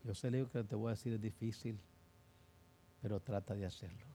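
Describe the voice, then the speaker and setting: An older man preaching a sermon as pastor, swinging between loud stress and quiet, slow pleading. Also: on the low side, steady tone, slight background noise.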